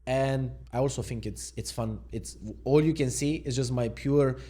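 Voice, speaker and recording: A man's voice: mid-range voice, fairly even intonation, moderate pace, warm tone. A man, a mindset coach, thinking aloud in an unscripted reaction video, laid-back and questioning as he goes. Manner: musing, thinks aloud and questions what he reads.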